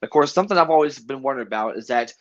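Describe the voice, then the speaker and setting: Fast-talking enthusiastic male interviewer. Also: mid-range voice, expressive. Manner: enthusiastic, rambling motivational talk. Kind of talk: casual interview. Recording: dull lo-fi audio.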